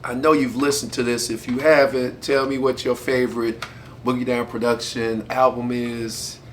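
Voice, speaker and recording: A man, casually telling a personal story to his viewers, relaxed and chatty with frequent laughs. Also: medium pitch, normal speed, a little hiss or hum. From Detroit, USA. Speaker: channel host.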